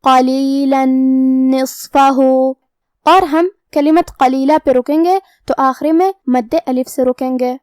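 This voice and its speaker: A woman teaching Quran recitation rules, explaining each letter step by step and reciting verses slowly. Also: high-pitched, darkish tone, dry recording, clean studio sound. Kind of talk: tajweed lesson, slow explanatory teaching.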